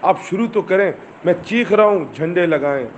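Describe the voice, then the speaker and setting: Recorded from behind the wheel, this man with a Pakistani accent, a movement chairman, gives an impassioned political speech full of rhetorical questions. His voice sits high, and there is slight background noise.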